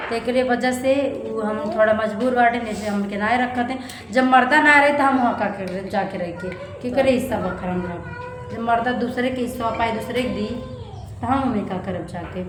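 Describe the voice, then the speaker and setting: A young family vlogger from eastern Uttar Pradesh, India, speaks Bhojpuri-accented Hindi in a fairly high voice at normal speed. She confides plaintively and casually to her viewers, repeating her phrases, from a rented room indoors; the room echoes, with clear background noise and crowd sounds.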